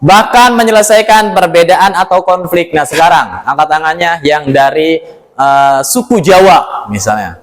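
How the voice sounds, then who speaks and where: A man teaching a class in a somewhat high voice. He is lively and keeps throwing questions at his students. He peppers his lesson with religious exclamations and gentle jokes. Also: normal speed, a little hiss or hum, rough recording.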